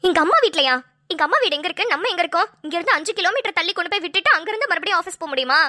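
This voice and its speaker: A fed-up cartoon daughter-in-law, voiced by a woman, sarcastic and full of grumbling asides. Her voice is very high, bright and sharp, and the words tumble out quickly. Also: animated, exaggerated voice. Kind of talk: cartoon voice acting.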